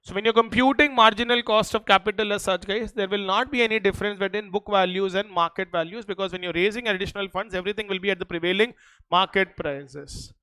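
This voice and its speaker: High-pitched Indian man teaching. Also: quick pace, bright, forceful tone, clean tone, no echo, poor audio. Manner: emphatic, repeatedly checking in with students. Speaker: accountancy teacher. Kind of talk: classroom revision lecture.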